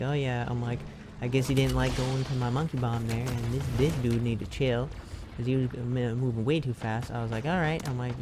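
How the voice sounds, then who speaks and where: A man giving a voice-over commentary on his own gameplay, excitable, swearing casually and acting out his reactions. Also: medium pitch, noisy background. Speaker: gaming video creator.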